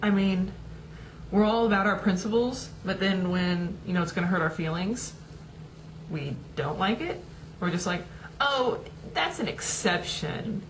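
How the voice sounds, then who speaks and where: In a small home room, a young adult vlogger talks to the webcam at her desk with a mid-range voice, lively intonation and a slightly slow pace. Her talk is chatty and rambling, full of fillers and restarts, with background noise audible.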